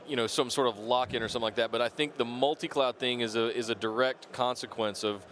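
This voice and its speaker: A man's voice: mid-range voice, fairly even intonation, fast talker, fairly bright tone. A man hosting a live-stream interview in a chatty, informal, casual way. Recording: noisy busy event floor background.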